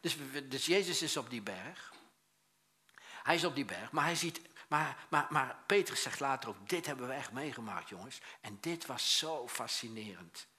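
A male preacher delivers a lively sermon, full of asides and restarts. His voice is bright and forceful. He swings between loud bursts and quiet, dropped phrases. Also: mid-range voice, moderate pace. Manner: animated storytelling with many restarts and asides; acts out quoted voices, swings loud and soft.

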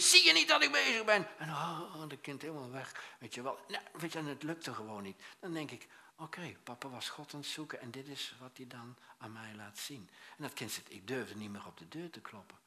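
A male preacher delivers a lively sermon, full of asides and restarts. His voice is bright and forceful. He swings between loud bursts and quiet, dropped phrases. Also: mid-range voice. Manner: animated storytelling with many restarts and asides; acts out quoted voices, swings loud and soft.

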